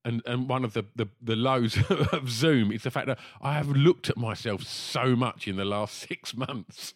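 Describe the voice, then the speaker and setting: A man's voice: medium pitch, normal speed, no room sound, clean studio sound. A man, chatting as a podcast guest over a video call. He rambles, swears freely and laughs through his stories. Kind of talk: casual chat. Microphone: remote video call.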